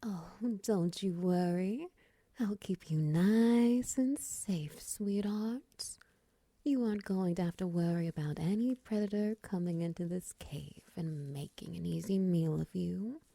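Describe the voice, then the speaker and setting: A female voice actor plays a seductive, doting spider woman in an intimate ASMR-style romance audio roleplay. Her very dark, soft voice is lowish and breathy, often sinking to a whisper, as she coaxes slowly with teasing endearments. Close on a dry mic with no room sound, the mood is soothing and caring.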